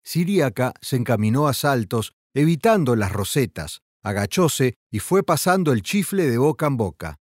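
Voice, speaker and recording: A man narrating an audiobook in a dramatic, expressive reading. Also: medium pitch, normal speed, hardly any pauses, dry recording, studio quality.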